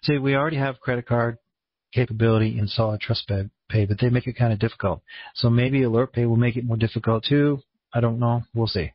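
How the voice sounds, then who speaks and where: A man with a Maine accent and a husky voice, hosting an online conference call in a casual, rambling, laid-back way. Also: mid-range voice, steady tone, brisk, no room sound. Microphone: online conference room call. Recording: dull, muffled lo-fi audio.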